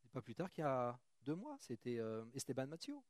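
A man's voice: medium pitch, wildly swooping pitch, a little fast, dry recording, clean studio sound. A man preaching in a church, reading scripture aloud and breaking into chatty asides to his congregation. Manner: reads scripture then comments casually, chatty asides to the congregation. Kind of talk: sermon with Bible reading.

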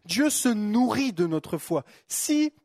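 A man's voice: high-pitched, very animated, slow pace, a little mellow, no echo, studio quality. A young man preaching a sermon, fervent, repeating phrases for emphasis and stumbling on words. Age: young adult.

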